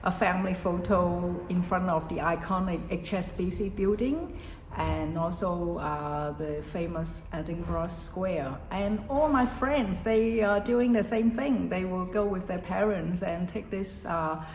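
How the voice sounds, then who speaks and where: A woman's voice: lowish voice, unhurried, a little mellow, a little hiss or hum. A woman, a church member sharing a childhood memory hesitantly, with many fillers. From Hong Kong. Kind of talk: personal testimony. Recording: echoey room with faint ambience.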